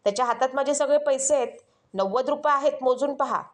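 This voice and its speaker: A woman's voice: high-pitched, fast, natural voice. Woman voicing a cunning blind beggar man. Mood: shouting. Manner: pleading then wailing.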